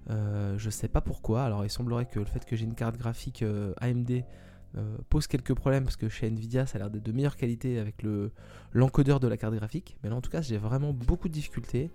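Dark-voiced hesitant podcast host, man. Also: mid-range voice, fairly even intonation, brisk. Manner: hesitant, many fillers and restarts. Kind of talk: casual solo podcast.

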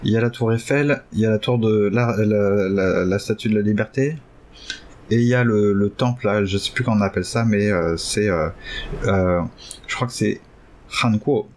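Hesitant man with a lowish voice. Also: normal speed, slight background noise. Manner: hesitant, full of "euh", with sudden excited pitch jumps. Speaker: podcast host learning Chinese. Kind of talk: casual chat.

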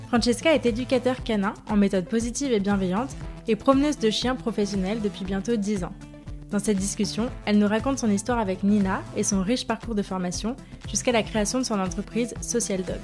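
Woman podcast host, measured scripted intro, faint music bed. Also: mid-range voice, a little mellow.

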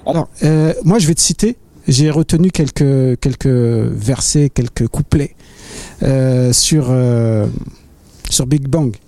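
A man hosting an interview, asking long questions in a halting way, searching for words and repeating himself. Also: medium pitch, mellow, no room sound. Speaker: interviewer, host.

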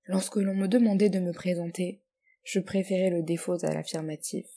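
A young woman from France speaks in a measured, reflective way, sometimes restarting her phrases. Her voice is dark and mellow, with a gravelly, husky grain. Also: on the low side, fairly even intonation. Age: 20s. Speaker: guest. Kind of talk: reading own poetic text, then casual interview talk.

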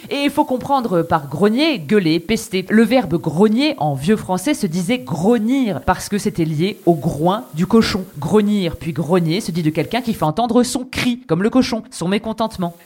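Young woman, scripted comic monologue, wry and animated, big swings in volume. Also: medium pitch, normal speed. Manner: wry, theatrical, swinging between loud and hushed. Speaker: podcast host.

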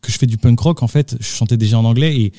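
A man's voice: medium pitch, quick pace, mellow, no room sound, studio quality. Hesitant male singer being interviewed. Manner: hesitant, lots of fillers and restarts. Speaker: singer and musician guest. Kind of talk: casual radio interview.

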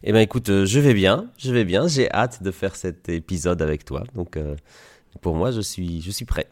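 A man's voice: low voice, moderate pace, darkish tone. A man in his forties from Belgium, an osteopath telling his story as an interview guest, hesitant with many fillers and restarts. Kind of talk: conversational interview.

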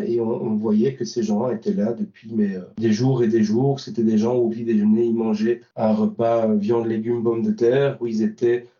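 In a dull, distant, roomy lo-fi recording, a Belgian volunteer driver recounts his trip in an interview. His medium-pitched voice has a dark tone, and his speech is hesitant, with frequent fillers and restarts.

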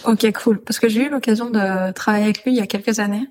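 A woman talks as a podcast guest in a relaxed, casual way. She hesitates often and fills her pauses with drawn-out filler sounds, and her pitch sits in a middling range. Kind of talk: casual interview chat.

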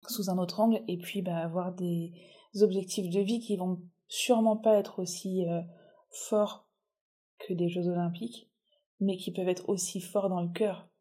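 A husky woman with a warm, mellow voice. She hosts an interview podcast and talks thoughtfully and reassuringly. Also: lowish voice, steady tone, moderate pace. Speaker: podcast host. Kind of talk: reflective interview conversation.

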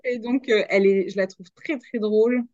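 A woman's voice: mid-range voice, steady tone, moderate pace, a little mellow, no room sound, highs cut off. A young woman, a radio journalist, chatting as a guest in a podcast interview, hesitant with many fillers and restarts.

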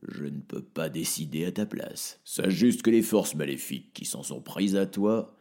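A man reading the part of an old, wise wizard who speaks in solemn, measured counsel. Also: low voice, expressive, mellow. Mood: grave. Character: old wise male wizard, calm and grave. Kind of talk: audiobook character reading.

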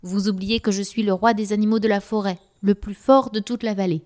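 A woman voicing a proud, boastful male bear in a children's storybook, speaking in loud, indignant exclamations. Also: medium pitch, measured pace, lightly acted. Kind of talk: storybook voice acting.

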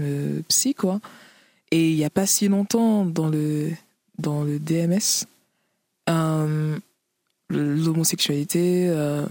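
A woman's voice: deep voice, darkish tone, dry recording. A woman author from the Paris region, interviewed, speaking hesitantly with many fillers and frequent laughs. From Paris region, France. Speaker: author guest. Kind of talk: interview conversation.

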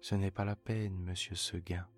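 A man voicing a stubborn young female goat who longs for freedom and answers quietly and politely, in a bedtime story reading. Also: low voice, flat delivery, moderate pace, faint music behind, lightly acted. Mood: stubborn, yearning.

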